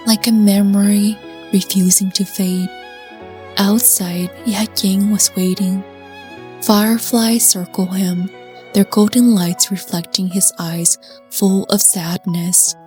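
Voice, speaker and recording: Woman narrator, slow and soft-spoken, hushed storybook reading over light music. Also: mid-range voice. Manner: soft, slow and hushed, slipping into whispers at tense moments. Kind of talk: scripted narration.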